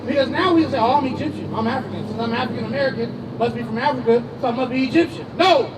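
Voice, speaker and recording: A man's voice: very high voice, lively intonation, fast, far from the mic, background noise. A man street preaching, emphatic and slangy, calling on a reader and questioning the crowd outdoors.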